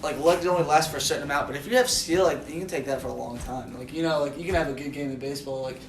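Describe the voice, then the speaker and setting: A man's voice: fairly high pitch, rapid-fire, recorded from a distance, slight background noise. A young man hosting a podcast among friends, rambling with lots of fillers and laughing often. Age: young adult. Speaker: podcast host. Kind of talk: casual chat among friends. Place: room in a house. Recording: echoey room, voice from off mic.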